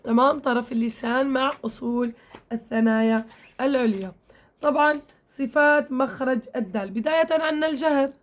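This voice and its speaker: High-voiced woman teaching Quran recitation. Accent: Levantine Arabic. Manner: explanatory, checks in with "okay?" often, demonstrates sounds. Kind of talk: tajweed lesson, addressing female learners.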